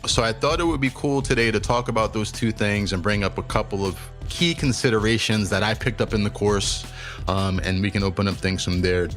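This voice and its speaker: A young man with a lowish voice, chatting on a podcast in a loose, swear-heavy style. He tells his stories with animated energy and drifts from anecdote into practical advice. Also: a little fast, faint music behind. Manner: casual, profane, animated storytelling. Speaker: podcast host. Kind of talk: casual podcast chat.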